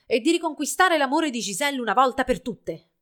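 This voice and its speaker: A woman voicing a jealous young village man who grumbles and shouts accusations. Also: sits high, lively intonation, fairly quick, pitched above the performer's own voice. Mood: determined.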